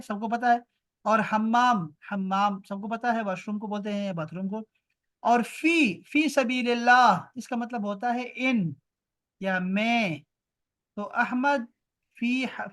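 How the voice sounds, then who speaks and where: A man teaching an online language lesson over a video call. He repeats each word slowly, explains it, then hurries through quick asides. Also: sits high, fairly bright tone. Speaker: Arabic teacher.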